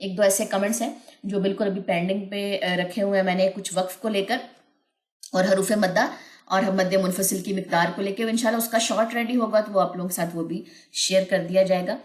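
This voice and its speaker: A woman's voice: mid-range voice, steady tone. Woman, recitation teacher, patient, melodic chanting, roomy echo. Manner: explains patiently, then chants verses slowly and melodically. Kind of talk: recorded online lesson.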